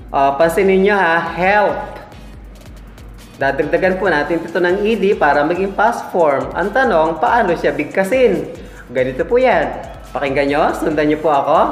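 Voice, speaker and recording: A man gives a casual lesson, drilling each word slowly so the listener can repeat it. He keeps a playful tone and chuckles often. The room rings with noticeable echo. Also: fairly high pitch. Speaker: English teacher. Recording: echoey room with faint music.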